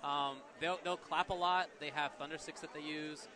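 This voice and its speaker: A young man co-hosting a casual chat, animated and laughing often, with lots of fillers. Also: on the high side, moderate pace, crowd noise. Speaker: co-host.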